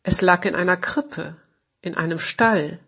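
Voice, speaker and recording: A woman narrating a children's story in a gentle, measured storybook reading. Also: lowish voice, breathy edge.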